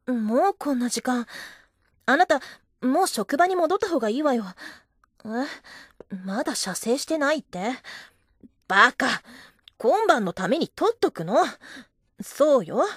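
A coy, teasing young office wife, acted by a woman in an adult audio drama. Her voice sits high and swoops up and down constantly. The sound is dry and close. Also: sing-song, measured pace, pauses often, slightly rough, no room sound, heavily acted. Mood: affectionate. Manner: teasing and coy, giggling often. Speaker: voice actress.

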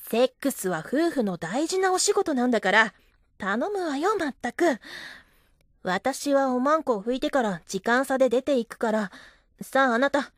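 A woman's voice: sits high, dry recording, clean studio sound. A woman playing a coy, teasing office wife. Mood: affectionate. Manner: teasing and coy, giggling often. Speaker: voice actress. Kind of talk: adult audio drama acting.

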